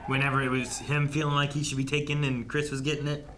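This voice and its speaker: An excitable reaction video host chatting casually, swearing and joking while commenting on a show. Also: medium pitch, fast, poor audio.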